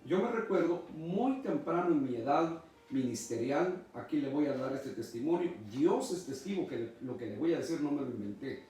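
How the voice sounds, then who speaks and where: A man's voice: fairly high pitch, lively intonation, moderate pace, mellow, a little hiss or hum. A middle-aged man preaching a sermon as pastor, emphatic and preacherly. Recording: echoey room, mic far off.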